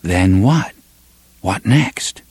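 A calm, soothing young man, as the narrator plays him, speaking low and slowly with a husky grain. The voice stays even and gentle throughout, recorded close and dry. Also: dry recording, exaggerated voice.

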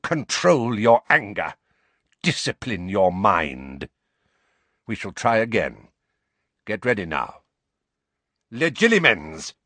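A man's voice: fairly low pitch, big pitch swings, takes it slowly, pauses often, bright, forceful tone, no room sound, heavily acted. A man voicing a cold, menacing male teacher who speaks in clipped, cutting phrases. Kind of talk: audiobook character voice.

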